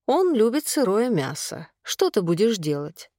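A woman's voice: medium pitch, sing-song, normal speed, a little mellow, dry recording, lightly acted. A woman reading aloud, voicing an exhausted, resentful young mother who talks in a dry, wry, defensive way. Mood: breezy.

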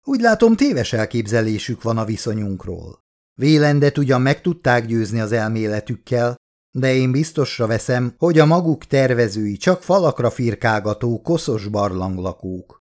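A man's voice: medium pitch, animated, a little mellow, lightly acted. A man reading as Vickers, a haughty corporate boss woman. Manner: cool, superior, clipped. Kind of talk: audiobook character reading.

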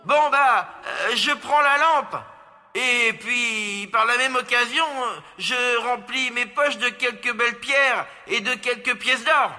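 A man's voice: extremely high pitch, takes it slowly, bright, forceful tone, in a large hall, exaggerated voice. An actor playing a naive poor boy who talks hesitantly and stammers. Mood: eager. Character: naive timid poor boy, devoted to his mother.

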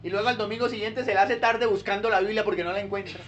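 A man's voice: high-pitched, fast, highs cut off, slight background noise. A male pastor, preaching a sermon and acting out churchgoers in playful voices. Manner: animated, acts out churchgoers in funny voices.

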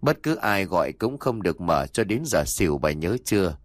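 A man's voice: sits low, sing-song, moderate pace, no echo, studio quality. A man doing a stern old exorcist master. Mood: solemn. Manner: solemn, commanding instructions.

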